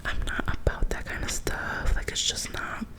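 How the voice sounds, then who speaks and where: At a moderate pace, a young woman whispers her way through a gossipy, chatty ASMR story. She uses casual slang and tells it with animated drama.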